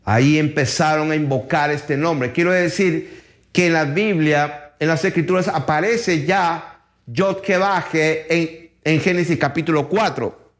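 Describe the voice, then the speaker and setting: A man giving a Bible teaching, reading scripture aloud and explaining it with many pauses. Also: fairly high pitch. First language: not Hebrew.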